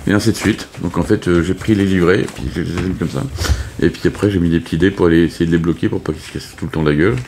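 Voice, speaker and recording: A man's voice: sits low, fairly even intonation, racing, darkish tone, a little hiss or hum. A man casually explaining a board game setup, hesitant with many fillers and restarts. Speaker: board game video host. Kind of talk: casual unscripted game tutorial.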